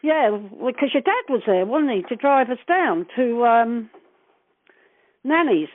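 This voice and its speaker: Over a dry, narrowband phone line, an older woman recalls the past for an interviewer in an unhurried way, her fairly high voice full of lively intonation. Her manner is chatty, blunt and earthy, with casual swearing.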